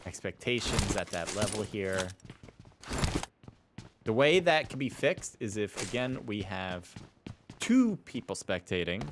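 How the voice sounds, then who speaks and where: Over background music and a noisy setting, a low-voiced man casts a live game stream. His commentary and chat wander casually, and he often pokes fun at himself.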